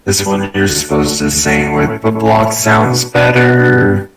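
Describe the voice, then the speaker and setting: A man's voice: fairly low pitch, expressive, takes it slowly, over music, low-quality recording. A man streaming a game and joking around with a friend in a casual, playful chat. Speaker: live streamer.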